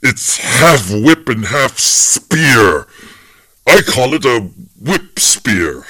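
A man playing a bragging deadpan alien warlord. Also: medium pitch, drawn-out words, no room sound, studio quality, heavily acted. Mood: boastful. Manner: bragging, deadpan, casually brutal. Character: boastful male alien warlord showing off photos.

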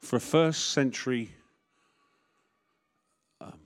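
A man's voice: medium pitch, takes it slowly. A man, a vicar preaching a sermon in a candid, conversational way with jokes and asides.

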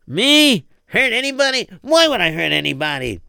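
A man's voice: high-pitched, normal speed, pushed and bright, smooth, dry recording, clean studio sound. A man playing a flustered, stammering father. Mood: anxious. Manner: rambling, stammering, exclamations. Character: anxious, flustered father pleading for help.

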